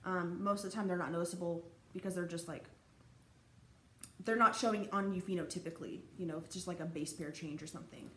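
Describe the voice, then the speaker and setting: A woman's voice: fairly low pitch, fairly even intonation, fast talker, fairly bright tone. A young woman giving a casual, rambling college lecture over slides, full of fillers and restarts. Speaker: college anthropology instructor. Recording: echoey room, faint background noise.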